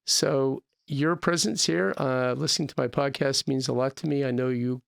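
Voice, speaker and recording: A man in his sixties hosts a podcast into a studio microphone, earnest and a little rambling, doubling back on his words. His voice is gravelly in a dry, close studio. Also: mid-range voice, steady tone, moderate pace, no echo. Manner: earnest, repetitive, with many restarts. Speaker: podcast host. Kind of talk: podcast interview. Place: small studio. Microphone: studio mic with headphones.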